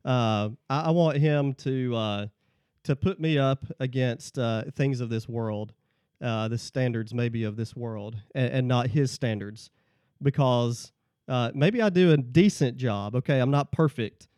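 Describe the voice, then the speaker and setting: A man's voice: mid-range voice, a little slow, darkish tone, smooth, no room sound, studio quality. A man talking about the Bible in a casual discussion, laying out points one by one and often checking in with "okay?". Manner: explains point by point, tags lines with "okay?". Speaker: guest.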